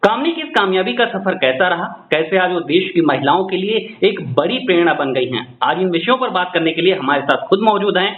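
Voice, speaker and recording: A man's voice: sits high, lively intonation, a little fast, hardly any pauses. A man working as a radio correspondent, reading a formal news introduction and asking his guest polite questions. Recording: roomy, phone-like sound with faint noise.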